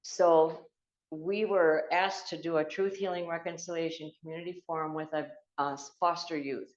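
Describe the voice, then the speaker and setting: Low-voiced older woman telling a story. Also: steady tone. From United States. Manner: earnest, halting, with many fillers and restarts. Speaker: speaker telling a personal story. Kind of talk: reflective spoken storytelling. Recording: echoey, slightly dull room recording.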